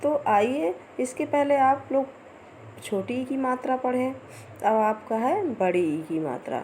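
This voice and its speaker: Slow, clear woman teaching first graders. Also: high voice, lively intonation, a little mellow, a little hiss or hum. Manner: slow, clear, drills words aloud one by one. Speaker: primary school teacher. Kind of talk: online Hindi lesson for first graders.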